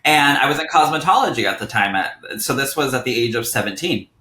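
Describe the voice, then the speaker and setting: A young adult man, a guest medium, telling his personal story in an animated, chatty podcast interview. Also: medium pitch, fairly quick, echoey room.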